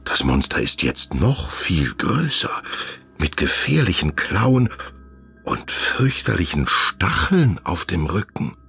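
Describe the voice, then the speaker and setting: A man reading a children's audiobook in a very deep voice that rises and falls with wide expression. He takes his time, his tone is husky, and soft music plays beneath him. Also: slow pace. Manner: expressive storytelling. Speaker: narrator.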